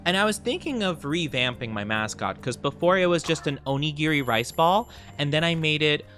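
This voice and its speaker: A man's voice: on the high side, expressive, fairly quick, pushed and bright. A man hosting a livestream as a VTuber, chatting casually while he plays a game, with effusive, gushing greetings and a cutesy, cooing way of talking. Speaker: VTuber streamer host.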